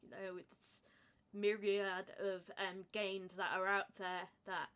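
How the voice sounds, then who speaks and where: Slow, hesitant woman chatting. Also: medium pitch, little pitch movement, a bit bright, clean tone. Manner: hesitant, lots of ums, laughs often. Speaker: podcast co-host. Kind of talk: casual chat.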